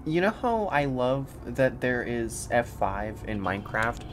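Male horror game streamer, young, scared and jumpy, very lively intonation, sarcastic and sweary, game noise in the background. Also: mid-range voice, a little slow. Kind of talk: horror game playthrough commentary. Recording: faint-to-clear game noise behind voice. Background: horror game ambience.

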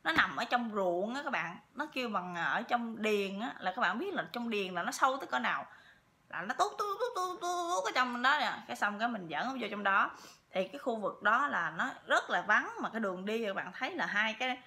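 Bright-voiced woman. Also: mid-range voice, lively intonation, fairly quick. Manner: chatty, with many repeats and fillers. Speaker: vlogger. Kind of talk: casual storytelling to viewers.

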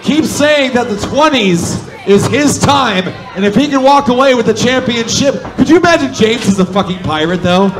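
A man doing excitable, profane live wrestling play-by-play commentary. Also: very high voice, normal speed, background noise. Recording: loud crowd and music at a live venue.

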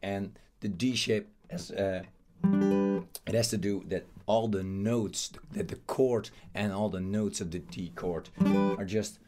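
Hoarse man, guitar teacher from the Netherlands, low voice, casual chatty lesson, faint guitar behind. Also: fairly even intonation, takes it slowly, a little mellow. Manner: loose and chatty, many fillers. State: hoarse, losing his voice.

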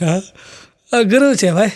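A man's voice: high voice, lively intonation, a little slow. A man with a Kathiawadi Gujarati accent telling jokes in a chatty live stand-up set, piling on "he said" asides as he spins his stories. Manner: chatty storyteller, constant "he said" asides. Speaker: comedian. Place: live comedy stage.

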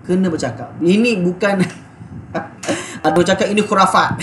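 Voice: medium pitch, measured pace, background noise. A coach with a Malaysian Malay accent giving a live sales coaching talk in a chatty, fervent and emotional way, laughing often, recorded on a phone. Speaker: online business coach.

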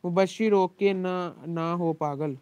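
A man as a live game streamer with a Pakistani Urdu accent vents to his chat, exasperated and complaining, his throat dry from long shouting. The sound is close and completely dry, with no room around it. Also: high voice, steady tone, slow, clear, resonant tone, no room sound, lo-fi sound. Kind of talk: live gaming stream talk.

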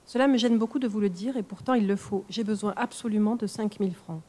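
A woman reading the part of an anxious young woman who hesitantly pleads for money, in a mellow voice. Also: medium pitch, quick pace, natural voice. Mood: uneasy.

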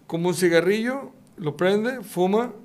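Higher-voiced podcast host asking questions. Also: male voice, unhurried. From Mexico. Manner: asks clarifying questions, sums up the guest's points. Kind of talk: interview questions.

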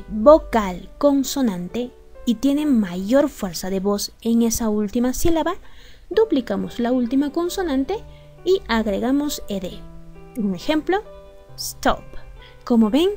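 A woman's voice: fairly high pitch, dark tone. A woman teaching a video grammar lesson, explaining rules step by step and asking her students rhetorical questions. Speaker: English teacher.

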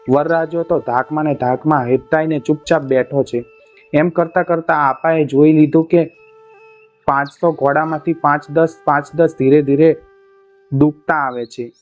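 A man telling a folk tale as a steady storytelling narration. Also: fairly high pitch. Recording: muffled with faint music behind.

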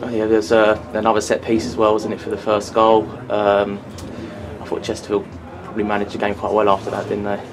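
A man's voice: fairly low pitch, monotone, a little fast, background noise. A man asking a football manager post-match questions, hesitant and full of fillers. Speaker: club media interviewer.

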